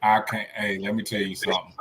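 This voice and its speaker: A man's voice: lowish voice, flat delivery, fast, fairly bright tone. A man hosting a casual podcast chat, easygoing, with self-mocking humor. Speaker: podcast host.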